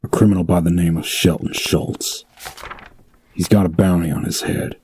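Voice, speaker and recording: Deep-voiced Jonah Hex, grizzled bounty hunter, played by a man. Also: fairly even intonation, moderate pace, a little mellow, a little hiss or hum, lightly acted. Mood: gruff, wry. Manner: laconic, wry, tough-talking. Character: grizzled, cocky male Wild West bounty hunter. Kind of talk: first-person audio drama narration.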